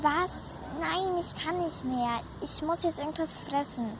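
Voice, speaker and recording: A woman's voice: sits high, unhurried, background noise, pitched above the performer's own voice. A woman voicing a sulky, homesick young horse who complains about hunger. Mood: pleading.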